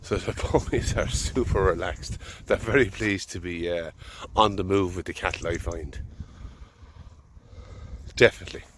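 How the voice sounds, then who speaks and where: In a noisy outdoor field, an Irish farmer speaks at a moderate pace in a low-pitched voice for a casual vlog. Fighting off a head cold, he keeps his talk relaxed and rambling, thinking aloud as he goes.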